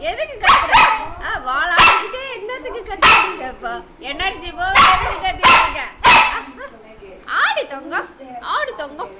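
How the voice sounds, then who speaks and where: Woman, very high voice, fond scolding of her dogs at home, noisy recording. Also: very animated, moderate pace. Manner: scolding, teasing, asking questions over and over. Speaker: dog owner vlogger. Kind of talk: casual talk to her pet dogs.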